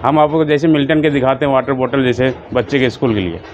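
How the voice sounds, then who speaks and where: A man in his thirties giving a steady salesman's patter in a small crowded shop, running through brands and prices. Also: mid-range voice, fast. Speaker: wholesale shopkeeper. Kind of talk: sales pitch for a shop tour. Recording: slightly dull, faint background hum.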